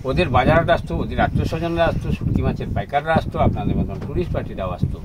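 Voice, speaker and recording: A man's voice: medium pitch, very fast. Older man guiding a boat tour. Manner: explanatory, counts points off as a lecture. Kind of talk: guided tour commentary. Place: open deck of a boat at sea. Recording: wind and boat noise outdoors.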